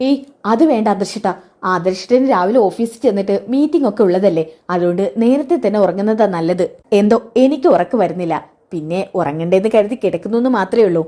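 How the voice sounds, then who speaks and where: A woman's voice: mid-range voice, expressive, fast talker, dark tone, close to an everyday voice. A woman voicing a young wife who cannot sleep for worry. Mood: troubled.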